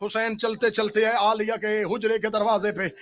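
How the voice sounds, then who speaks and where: A man's voice: sits high, flat delivery, fairly bright tone. A man, a religious orator, reciting a mourning sermon as mournful, dramatic storytelling and voicing the people in the story.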